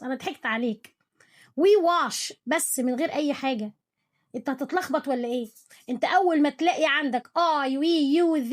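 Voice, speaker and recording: A young woman with an Egyptian Arabic accent and a high, bright voice runs a cheerful English lesson for kids. She poses little quiz questions to her pupil and praises every right answer. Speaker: English teacher. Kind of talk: playful lesson for children.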